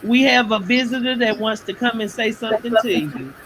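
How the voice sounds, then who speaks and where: A woman's voice: a little high, expressive, a little fast, a little hiss or hum, poor audio. A woman hosting a live chat show, sassy and teasing as she talks to her guests. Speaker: host. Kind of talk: casual chat.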